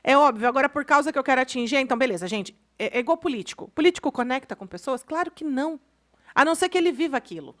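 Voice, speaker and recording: A woman from Brazil co-hosting a podcast in casual chat, emphatic and opinionated, quick to push back. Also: high-pitched, expressive, a bit bright. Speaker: podcast co-host.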